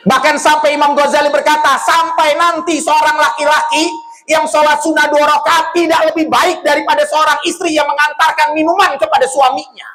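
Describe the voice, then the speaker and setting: High-pitched, loud, joking male preacher. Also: fairly quick, slight background noise, low-quality recording. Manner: loud, animated, joking, questions the audience. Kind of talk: lively sermon. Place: prayer room, indoors.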